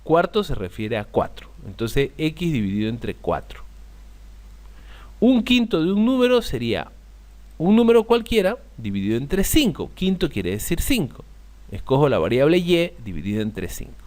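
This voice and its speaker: Male math tutor; patient, slow repeats of key terms, lively rising and falling delivery. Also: on the high side. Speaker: math teacher. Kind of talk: explaining a lesson to viewers.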